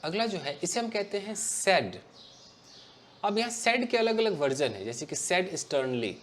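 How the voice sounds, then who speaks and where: Slow-talking young male English teacher. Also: high-pitched, big pitch swings, fairly bright tone, slight background noise. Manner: slow, explaining, reads out example sentences. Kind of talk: bilingual grammar lesson.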